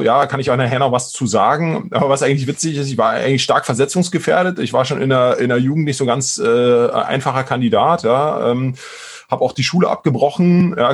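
Husky-voiced man with a Berlin accent. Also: mid-range voice. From Brandenburg, Germany. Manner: rambling, many fillers and restarts. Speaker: guest, entrepreneurship professor. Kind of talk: casual interview talk.

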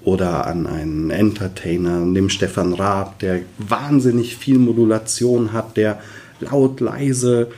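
A man's voice: sits low, steady tone, unhurried, few pauses, darkish tone. A man working as a voice coach, explaining his work enthusiastically in a conversational interview.

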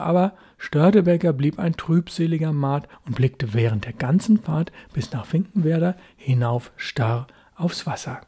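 A male audiobook narrator reading a story in a steady, measured way. His voice is slightly high for a man yet dark and mellow. The narration is calm and even. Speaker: audiobook reader.

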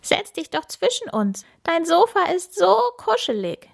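A woman doing a shrill, chattering flamingo. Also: very animated, measured pace, gravelly, exaggerated voice. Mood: sweet. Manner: shrieking, chattering. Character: chattering excitable flamingo pair.

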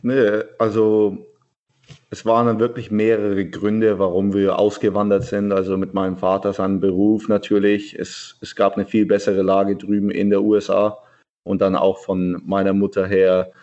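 A young man living abroad, answering an interview in a plain, slightly halting way over a remote call. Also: lowish voice, level tone, darkish tone. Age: young adult. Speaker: guest, athlete living in the USA. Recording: dull lo-fi remote audio.

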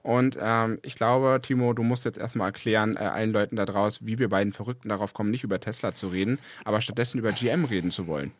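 A man's voice: fairly low pitch, fairly even intonation, fast talker, hardly any pauses, no room sound. A man co-hosting a casual podcast chat, conversational and playfully teasing. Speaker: podcast co-host.

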